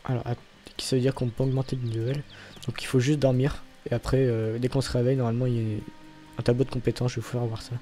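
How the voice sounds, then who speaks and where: A young man talks through his gameplay in a relaxed, rambling way, swearing casually and waving points off with a quick "anyway". His voice is soft and mellow. Faint game music sits behind him. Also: medium pitch. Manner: rambling, swears often, trails off with "bref". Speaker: gaming channel host. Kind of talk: casual let's-play commentary.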